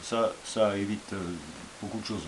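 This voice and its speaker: A man's voice: on the low side, moderate pace, a little hiss or hum. Man with an Austrian accent, hesitant. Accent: Austrian German. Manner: hesitant, many fillers and restarts, relaxed and informal. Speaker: survival gear vlogger. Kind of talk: casual show-and-tell vlog.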